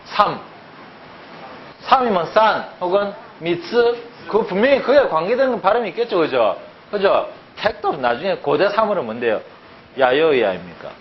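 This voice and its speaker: A man teaching a language class, lively and drilling words by repeating them with rhetorical questions. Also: high-pitched, normal speed. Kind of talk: classroom lecture. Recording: dull lo-fi sound, faint background noise.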